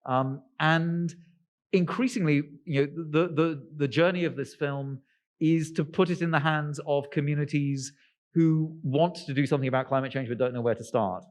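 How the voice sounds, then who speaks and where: A male author answering interview questions in a posh-sounding voice, halting with lots of fillers and restarts, with wry, sardonic asides. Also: a little high, fairly even intonation. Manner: self-described posh-sounding voice.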